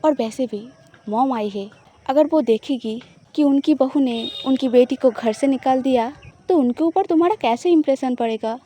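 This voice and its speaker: A woman's voice: sits high, normal speed, warm tone. Woman voicing a teasing, possessive wife. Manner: teasing, flirtatious.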